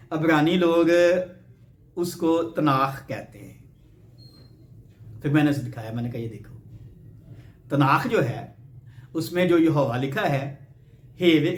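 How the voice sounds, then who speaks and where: A man from Pakistan giving a Bible teaching lecture, explaining step by step and checking in with rhetorical questions. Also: on the high side. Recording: roomy echo.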